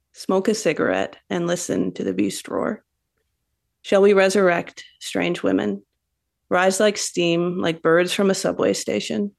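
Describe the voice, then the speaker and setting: Her voice is fairly low and gravelly. She's a Canadian writer, a poet and novelist, who talks thoughtfully as an interview guest and reads some of her poetry.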